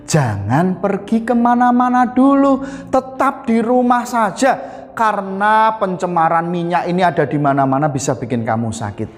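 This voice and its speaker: Storyteller voicing a calm, advising mama fish, storybook, faint music. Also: mid-range voice, moderate pace, pitched below the performer's own voice, close to an everyday voice. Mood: caring. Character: caring fish mother, gentle and warning. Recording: echoey hall, faint music.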